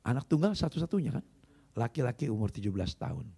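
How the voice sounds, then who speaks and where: A man's voice: mid-range voice, expressive, quick pace, vocal fry, warm tone, breathy edge. A male pastor preaching a sermon, telling stories emphatically and putting rhetorical questions to the congregation. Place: church service.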